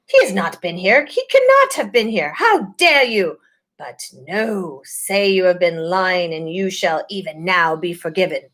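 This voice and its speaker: A woman voicing a cruel, commanding witch queen who questions and shouts in a haughty, demanding way. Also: on the high side, sing-song, normal speed, pitched above the performer's own voice. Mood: furious.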